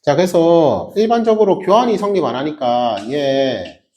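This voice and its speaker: A man's voice: fairly high pitch, lively intonation, unhurried, darkish tone. A man teaching a math class, explaining step by step with emphatic rhetorical questions to his students. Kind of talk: classroom lecture.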